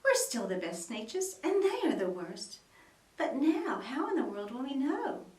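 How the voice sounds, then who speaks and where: A woman voicing a crowd of boastful bird-like storybook creatures, loud and shouting. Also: sits high, big pitch swings, a little slow. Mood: indignant. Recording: roomy echo, mic at a distance, faint music.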